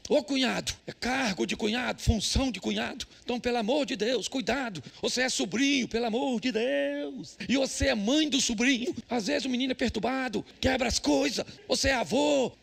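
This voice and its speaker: An older man, a pastor, preaching a humorous sermon in a joking, emphatic way, at times shouting. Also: very high voice, a little fast, gravelly, hardly any pauses, husky. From Brazil.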